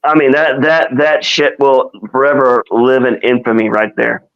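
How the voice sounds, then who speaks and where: A man's voice: medium pitch, level tone, moderate pace. A man guesting on a casual chat show, talking in a laid-back, profane way full of fillers. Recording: dull lo-fi audio.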